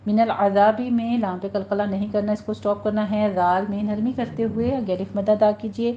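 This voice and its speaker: A woman teaching a tajweed lesson, patiently explaining pronunciation rules and slowly repeating words for her students to practice. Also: mid-range voice, steady tone, highs cut off, a little hiss or hum. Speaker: Quran recitation teacher.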